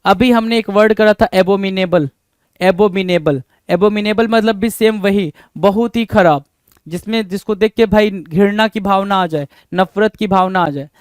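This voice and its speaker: Guy teaching vocab, keeps asking "what does it mean?", high clear voice. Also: moderate pace, no room sound. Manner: rhetorical questions to students, repeats words. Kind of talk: exam-prep vocabulary lesson.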